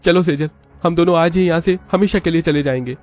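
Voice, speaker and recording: A man's voice: on the high side, fairly quick, faint music behind, pitched above the performer's own voice, lightly acted. Impassioned young husband, a man putting him on. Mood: angry. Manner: emotional, impassioned. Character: young rich husband, lovesick and fiery.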